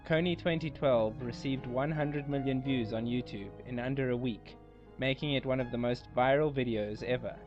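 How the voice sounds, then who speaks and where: Calm male documentary narrator, lo-fi. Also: mid-range voice, moderate pace. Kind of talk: documentary voice-over. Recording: dull lo-fi voice-over with faint music.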